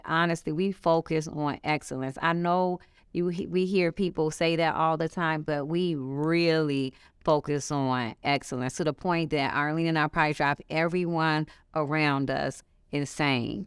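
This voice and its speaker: A woman's voice: sits low, fairly even intonation, clean tone, no echo, clean studio sound. A woman co-founder talking emphatically in an interview, stressing her company's standards. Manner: emphatic, rapid, insistent on values. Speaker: small business co-founder. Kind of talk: conversational interview.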